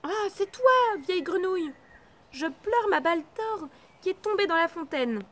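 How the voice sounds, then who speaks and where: A woman voicing a spoiled young princess in a read-aloud fairy tale, with high, exclaiming lines. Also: expressive, normal speed, fairly bright tone. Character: spoiled young princess, tearful then eager.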